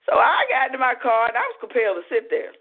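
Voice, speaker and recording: Animated woman storyteller on a phone line. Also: fairly high pitch, quick pace. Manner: chatty, animated storyteller with lots of "you know". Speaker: minister on a prayer call. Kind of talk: conversational testimony on a prayer line.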